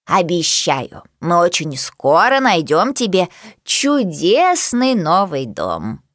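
A woman voicing a kind, gentle shelter worker in a storybook, speaking softly and soothingly. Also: fairly low pitch, huge pitch swings, slow pace, no echo, clean studio sound, full character voice. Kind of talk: storybook reading.

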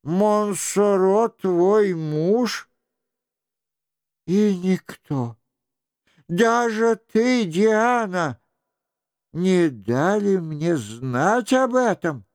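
A man's voice: high-pitched, animated, extremely slow, pauses often, a little mellow, no echo, clean studio sound, full character voice. Old baron, trembling and overcome, cries out in a quavering, raised voice, read by a man narrator. Storybook reading. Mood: bewildered. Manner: exclaiming, quavering.

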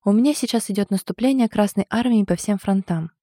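A woman voicing a tipsy, sulky young woman who answers with huffy sarcasm, a little higher and louder than her narration. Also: a little fast, no echo, studio quality, natural voice. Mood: sulky, sarcastic.

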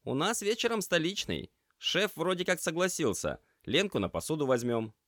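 A man voicing a cheerful, energetic young male paramedic trainee who talks briskly and teases his friend. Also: fairly high pitch, no echo, studio quality, voice pushed up. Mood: upbeat. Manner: brisk, upbeat and teasing.

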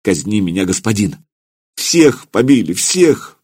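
A man doing a terrified, hushed servant. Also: on the low side, animated, slightly rough, no echo, clean studio sound. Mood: frightened. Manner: hushed, halting, pleading. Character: frightened young male servant, trembling and tearful. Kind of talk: audiobook character voice.

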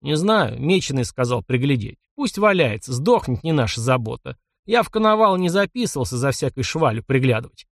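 A man's voice: medium pitch, big pitch swings, fairly quick, creaky, hardly any pauses, no echo, clean studio sound. Man reading a callous prison guard. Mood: dismissive.

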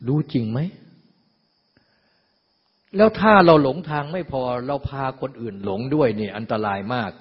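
Husky-voiced man giving a reverberant dharma talk. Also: medium pitch, very animated, normal speed, pauses often. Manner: conversational, fires rhetorical questions at listeners. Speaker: Buddhist meditation teacher. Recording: dull lo-fi sound with long hall reverb.

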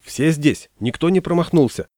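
A man's voice: fairly high pitch, animated, moderate pace, mellow, no echo, clean studio sound, pitched above the performer's own voice, lightly acted. A man doing a nervous bearded intellectual. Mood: anxious. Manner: anxious, fussy.

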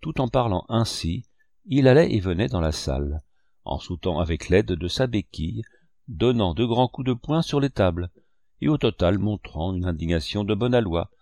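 A man narrating an audiobook in a steady, measured storytelling manner. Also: on the low side, no echo, studio quality. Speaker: audiobook reader. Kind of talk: scripted narration.

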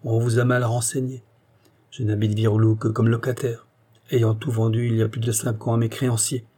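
Give me a cocky young aristocrat who mocks the tax man, as an audiobook narrator puts him on. He answers with cool, haughty sarcasm. The voice is warm and slightly husky. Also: mid-range voice, flat delivery, moderate pace, lightly acted. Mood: mocking. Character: proud mocking young nobleman, broke debtor.

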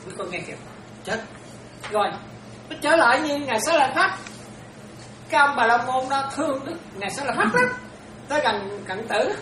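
Chatting with her disciples in an informal dharma talk, this Buddhist nun has a somewhat high, slightly bright voice and frequently makes sure her listeners are keeping up. The sound is captured from a distance in a roomy, noisy room.

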